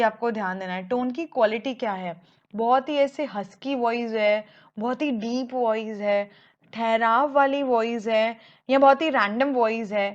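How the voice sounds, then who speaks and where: A woman teaching as an English exam coach, explaining step by step in a measured way and slowing down to stress key points. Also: a little high, muffled recording. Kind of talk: Hindi-English mixed lesson.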